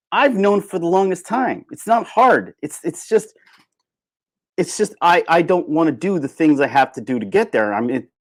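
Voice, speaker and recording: A medium-pitched man hosts a livestream, casually ranting without a script and reacting to what chat says. He drifts from point to point and repeats himself for emphasis. No room sound is present; the audio is dry.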